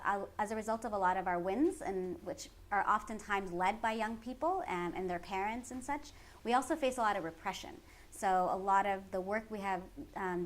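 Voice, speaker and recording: Being interviewed about her community organizing work, a Bay Area woman from the United States with a Californian American accent explains things articulately and earnestly. Her mid-range voice is a bit bright, and noisy background ambience is clearly audible.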